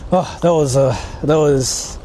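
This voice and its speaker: This livestreamer, a Japanese man whose first language is Japanese, explores the countryside on foot and chats casually outdoors, thinking aloud, repeating himself, exclaiming and swearing casually. His voice is warm, on the high side and unhurried. The stream is noisy, with vehicles audible around him.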